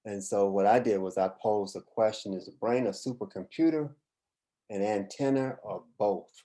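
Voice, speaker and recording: A man leading a class discussion, slow and deliberate, with short acknowledgments to the group. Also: lowish voice, dark tone. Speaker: discussion leader.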